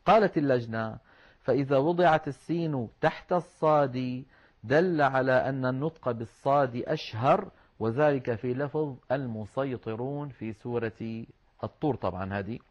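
A man teaching Quran recitation rules, patiently explaining step by step and slowing down to demonstrate words. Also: medium pitch. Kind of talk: explanatory religious lesson. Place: online class with shared screen. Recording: slightly dull lo-fi sound.

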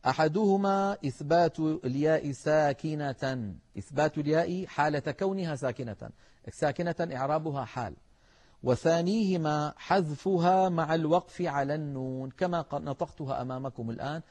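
A middle-aged man, a Quran recitation scholar giving a televised lesson in a measured, explanatory way and speaking straight to his viewers. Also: fairly high pitch, a little mellow. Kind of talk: televised religious lesson with chanted verses.

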